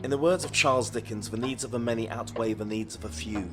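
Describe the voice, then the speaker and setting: Male actor, cold commanding Victorian gentleman villain for audio drama, medium pitch, strong music bed. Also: quick pace, natural voice. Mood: cold conviction. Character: cold, imperious Victorian master, secretive and ruthless. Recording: voice over prominent music.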